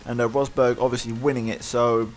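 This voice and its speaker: Fast-talking man calling a racing game. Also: mid-range voice. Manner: fast excited play-by-play, winding down later. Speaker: gaming YouTuber. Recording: loud racing game engine noise behind.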